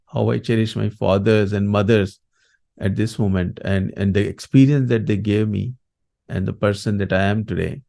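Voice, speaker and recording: A man with an Indian accent and a mellow, gravelly voice. He explains things as an interviewed coach, reflective and halting, in a lowish register. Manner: halting, reflective, often adds "you know" and "right". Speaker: grief coach, interview guest.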